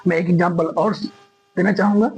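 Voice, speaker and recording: A male teacher explains grammar in a very high, husky voice. He talks emphatically, repeats his main points and keeps checking that his students follow. The recording has a thin, lo-fi radio-like sound. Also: steady tone, brisk, darkish tone, soft background music. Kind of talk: classroom lesson explaining grammar.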